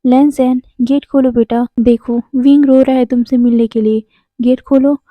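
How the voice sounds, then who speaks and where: A woman voicing a gentle, soothing mother. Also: high-pitched, steady tone, moderate pace, dry recording, narrow, tinny audio, natural voice. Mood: pleading. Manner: soft, soothing and pleading. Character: gentle caring mother, middle-aged woman.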